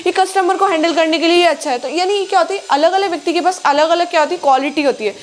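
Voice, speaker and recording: A woman a high voice works through a commerce lesson. She mixes in as she explains, and she keeps posing questions that she answers herself. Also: rapid-fire, a little hiss or hum. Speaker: commerce teacher. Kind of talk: classroom lecture.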